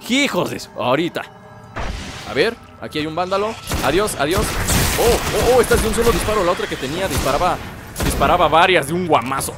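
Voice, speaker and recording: A man giving playful, excitable commentary on his own gameplay, full of jokey asides. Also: sits high, a little fast, over music. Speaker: gaming YouTuber.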